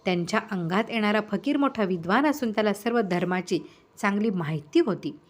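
A woman narrating a devotional biography aloud in clear, steady storytelling. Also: mid-range voice, brisk.

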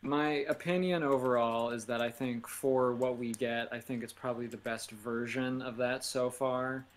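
Male co-host, mid-range voice, measured and hedging, casual chat. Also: mid-range voice, fairly even intonation, a little hiss or hum. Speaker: podcast co-host. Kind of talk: casual chat reacting to a trailer.

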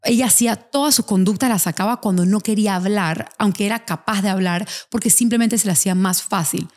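A woman's voice: medium pitch, fairly quick, darkish tone. A woman hosting a podcast, telling stories animatedly and acting out the voices of people she quotes. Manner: tells anecdotes animatedly, acts out quoted voices. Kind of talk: casual podcast conversation.

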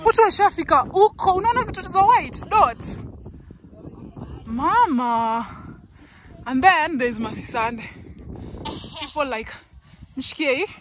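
A young woman with a Kenyan accent and a fairly high voice talks into a phone held at arm's length, mixing English and Swahili. She sounds chatty and casual, recorded outdoors on a mountain trail with wind rumbling across the mic. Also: expressive, measured pace, pauses often, low-quality recording. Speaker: vlogger. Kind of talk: casual hiking vlog. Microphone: phone camera held at arm's length.

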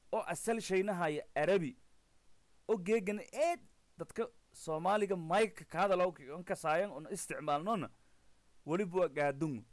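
A man's voice: fairly high pitch, no echo. Maay-accented Somali man teaching English. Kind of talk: recorded language lesson explaining and translating a text.

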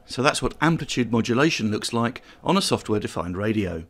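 A man's voice: mid-range voice, animated, fairly quick, a bit bright. Man explaining radio modulation. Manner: plain, friendly step-by-step explaining, speaking test counts on air. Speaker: amateur radio course instructor. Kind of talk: explanatory tutorial narration.

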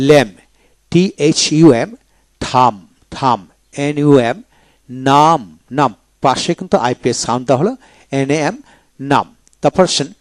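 A man's voice: mid-range voice, a little mellow, no room sound. Dry-voiced man drilling pronunciation. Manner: spells words letter by letter, then repeats each slowly twice. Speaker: English pronunciation teacher. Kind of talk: slow spelled-out pronunciation drill.

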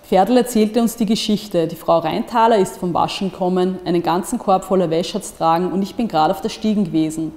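Brief: a woman author reading literature aloud, calm and measured, mellow tone, roomy hall reverb. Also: on the low side. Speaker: author reading at a public screening. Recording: echoey hall with long reverb.

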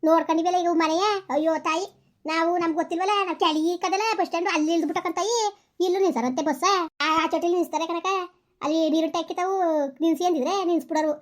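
A woman's voice: very high voice, steady tone, racing. A woman acting as gossiping village women in a comedy skit, exclaiming often and repeating herself. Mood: gossipy. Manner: chatty, exclaiming, repetitive village talk.

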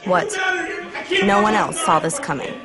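A woman's voice: lowish voice, measured pace, over loud music, close to an everyday voice. A woman playing a sarcastic coworker who speaks in a wry tone.

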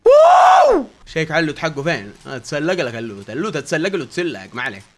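A young man commentating his own gameplay, swinging between yelling and pleading in tense moments and quiet muttering when things calm down. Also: on the high side, racing, a little hiss or hum. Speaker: gaming YouTuber.

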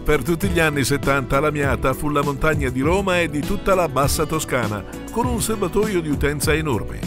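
A man reading a scripted documentary narration in a measured, informative way. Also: fairly high pitch, expressive. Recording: voice-over with music behind. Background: music.

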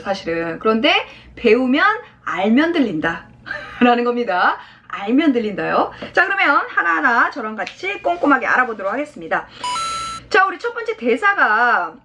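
높고 생동감 있는 목소리의 여자 강사. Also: female voice. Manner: lively, acts out lines in high playful voices. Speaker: Japanese teacher. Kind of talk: explaining a drama clip to learners.

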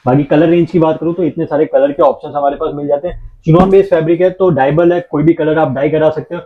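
A man showing fabrics in a shop, giving a steady sales pitch and repeating his phrases. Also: fast. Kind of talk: showing products on camera. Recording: tinny phone-like sound.

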